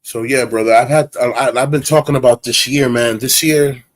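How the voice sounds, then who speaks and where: A man's voice: medium pitch, steady tone, normal speed. A man in his forties hosting a casual chat, talking in a rambling, candid, streetwise way. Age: 40s. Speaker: host.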